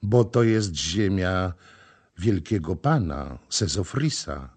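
A man reading the part of a gentle, sad young woman who calls out in a slow, soft, lamenting tone. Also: low-pitched, lively intonation, heavily acted. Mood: wary.

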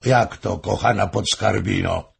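A man's voice: on the low side, measured pace, gravelly, slightly rough, heavily acted. A man doing a gallant, playful king. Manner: gallant, courteous. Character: cheerful playful male king.

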